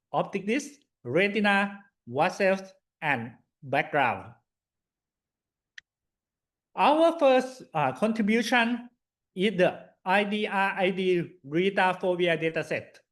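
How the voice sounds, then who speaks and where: High-pitched man haltingly presenting research, slow pace. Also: a bit bright. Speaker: PhD student presenting a thesis. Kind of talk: scripted academic slide presentation.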